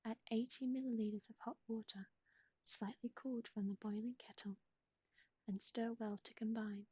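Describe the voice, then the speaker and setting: A woman whispering recipes in a soft ASMR style, close to the mic, with gentle asides to a pet. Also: a little high, fairly even intonation, normal speed, husky, no room sound, muffled recording. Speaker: ASMR streamer.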